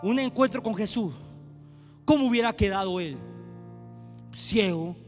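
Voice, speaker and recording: Pastor, male, very high bright voice, preaching in a reverberant hall with soft music under it. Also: expressive, unhurried. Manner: swings from hushed asides to shouted preaching. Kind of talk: sermon. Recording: long hall reverb, faint music behind.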